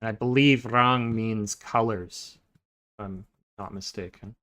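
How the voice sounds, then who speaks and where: A man hosting a podcast in a relaxed, casual chat, pausing often with filler sounds and restarting sentences. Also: on the low side. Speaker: podcast host.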